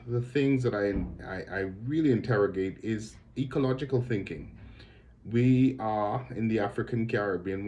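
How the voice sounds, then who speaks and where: A middle-aged man from the Bahamas, a theologian talking to camera about his work in a thoughtful, measured way, repeating words as he searches for them. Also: medium pitch, darkish tone. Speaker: theologian and lecturer.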